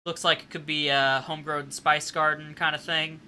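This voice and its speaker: Guy dming a tabletop game, super bright tense voice, lots of uhs as he makes it up. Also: on the high side, moderate pace, a little hiss or hum. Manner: relaxed, improvising descriptions with frequent fillers. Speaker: game master.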